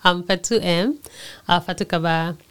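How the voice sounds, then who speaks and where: A woman's voice: lowish voice, fairly bright tone, clean tone. Woman from Liberia, thoughtful interview guest. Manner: thoughtful, pausing, with fillers and self-corrections. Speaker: interview guest, conference organizer. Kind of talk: casual interview answers.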